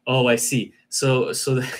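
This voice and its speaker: A man talking casually in a live-stream conversation, relaxed, laughing often and repeating his phrases. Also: mid-range voice. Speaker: guest practitioner.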